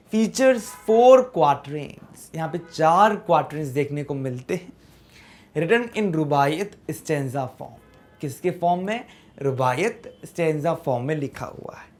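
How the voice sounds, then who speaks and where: Slow, patient Hindi-speaking woman teacher. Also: low-pitched, a little mellow. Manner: reads English text slowly, then explains in Hindi with frequent "है ना" checks. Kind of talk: explaining a poem to students. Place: classroom-style video lesson.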